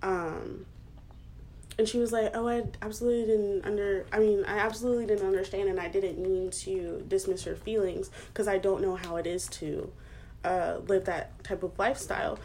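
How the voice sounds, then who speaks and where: A woman in her twenties from the United States co-hosts a casual chat podcast, using many fillers and laughing frequently. Her mid-range voice is steady and a little mellow at a moderate pace, with slight hiss or hum in the audio.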